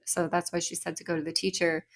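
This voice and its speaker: A woman co-hosting a podcast, chatting casually in an animated, exasperated, sardonic way. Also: fairly low pitch, fast talker. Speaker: podcast co-host. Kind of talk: casual chat.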